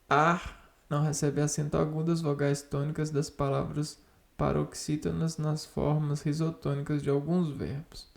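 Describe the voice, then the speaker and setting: Slow, gravelly man repeating grammar words. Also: on the high side. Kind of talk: reading and explaining spelling rules aloud.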